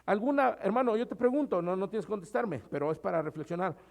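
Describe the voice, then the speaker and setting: Male pastor, relaxed conversational sermon delivery, voice slightly higher than average. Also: fast, creaky. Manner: conversational preaching, often adds "hermanos".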